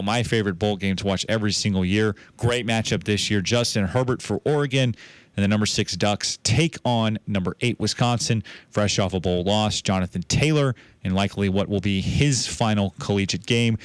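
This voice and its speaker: Low-voiced man calling football picks. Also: clear, resonant tone, dry recording. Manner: brisk, confident picks with a self-correcting aside. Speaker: sports show host. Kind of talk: college football bowl predictions.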